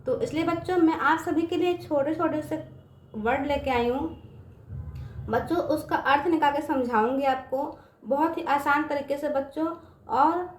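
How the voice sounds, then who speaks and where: A woman's voice: high voice, moderate pace, echoey room, a little hiss or hum. A woman teaching English words to children in a patient, repetitive way, often checking that they understand. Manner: patient, repetitive, often asks "समझ में आ गया बच्चों?". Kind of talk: online English lesson for children.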